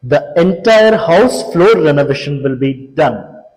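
Pitched on the high side, animated and slightly mellow, a young renovation company founder from India presents a scripted walkthrough of vacant apartment rooms indoors. He calmly explains the planned changes and indicates features, recorded on a lapel mic amid echo and background music.

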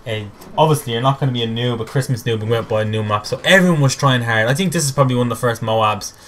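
A young man from Ireland, rambling excitedly and mocking himself as he commentates over game footage. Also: medium pitch, quick pace. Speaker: gameplay commentator.

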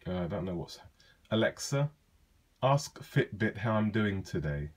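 A man casually demonstrating a voice assistant, talking in a relaxed, chatty way with lots of ums and uhs. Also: on the low side, unhurried. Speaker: tech vlogger demonstrating a device. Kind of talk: casual spoken demo.

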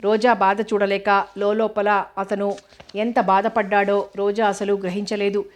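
A woman narrating a novel as an audiobook, with a steady, even reading. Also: medium pitch, measured pace.

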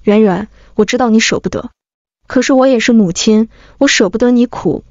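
A woman voicing a gentle middle-aged mother who talks softly and tenderly, in an audiobook. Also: a little high, moderate pace, no room sound, lightly acted. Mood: tender sorrow. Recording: dry, dull lo-fi.

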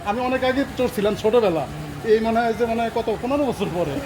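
A Bangladeshi man chats casually and excitedly at a quick pace. He repeats his phrases insistently. Clear outdoor noise surrounds his voice. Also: extremely high pitch, a loud crowd. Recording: noisy outdoor amusement park recording.

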